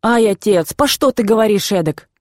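A woman voicing a gentle, soft-spoken old grandmother in a storybook reading, speaking in homely words. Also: medium pitch, lively intonation, moderate pace, no echo, studio quality, close to an everyday voice. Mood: reproachful. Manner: soft, pleading, homely speech.

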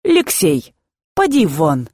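A woman reading a stern, grumbling old grandfather who breaks into shouts, in a storybook narration. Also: medium pitch, huge pitch swings, takes it slowly, no echo, studio quality, full character voice. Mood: commanding.

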